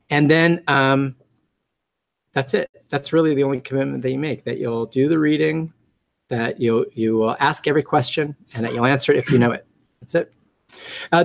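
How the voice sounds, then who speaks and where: A man hosting a meetup. His voice is high and nasal, and he talks in a chatty, joking way, restarting his sentences and filling pauses with ums. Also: creaky. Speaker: meetup host. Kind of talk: casual talk to a group.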